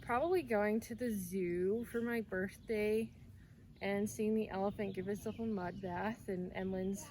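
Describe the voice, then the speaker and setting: Young female volunteer, soft-spoken and brief, faint noise behind. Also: mid-range voice, steady tone, unhurried. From Waterloo, Iowa. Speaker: service corps member. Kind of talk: personal reflection to camera.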